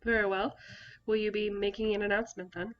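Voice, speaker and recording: A woman running a tabletop role-playing game, narrating scenes and calmly guiding the players through the rules. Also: mid-range voice, brisk, lo-fi sound. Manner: calm, guiding, descriptive narration. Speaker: game master.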